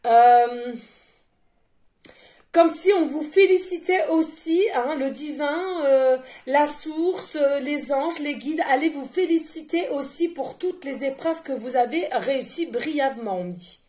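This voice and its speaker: Loud, high-voiced French-speaking woman reading cards. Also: slow pace. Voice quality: loud, carrying voice. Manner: chatty, laughs often, hesitant fillers. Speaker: tarot card reader. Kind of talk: casual card-reading guidance. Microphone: no microphone, picked up by the device directly.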